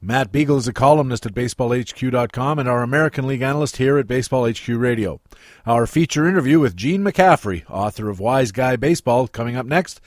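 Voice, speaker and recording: A man's voice: medium pitch, fast talker, no echo, clean studio sound. A man hosting a sports talk radio show, moving between questions, introductions and promotional reads.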